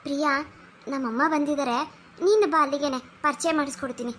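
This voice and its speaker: A firm, caring cartoon heroine. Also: female voice, high-pitched, fast talker, fairly bright tone. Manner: firm, encouraging. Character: young wife, firm, caring elder sister.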